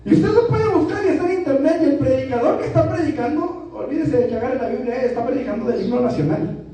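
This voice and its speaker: A Mexican man preaching a sermon, his voice unusually high for a man but mellow and dark in tone. He keeps turning to the congregation with rhetorical questions. He is recorded from far off in a church hall full of echo. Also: fast talker. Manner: addresses congregation with rhetorical questions, repeats "hermanos". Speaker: pastor. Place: church sanctuary. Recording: very echoey hall, distant mic.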